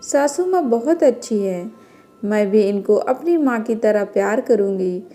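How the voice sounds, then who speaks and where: Woman voicing a young new bride, deferential, eager, mellow tone, slow delivery, faint music behind. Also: medium pitch, expressive, close to an everyday voice. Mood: earnest. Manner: respectful, deferential. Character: young newlywed daughter-in-law, polite and eager.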